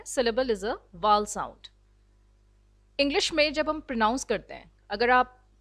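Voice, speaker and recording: A woman with an Indian accent teaching an online English class, explaining slowly and deliberately and mixing in English phrases. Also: sits high, a bit bright, no room sound. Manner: slow, deliberate explaining, switching between Hindi and English. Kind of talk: online lecture.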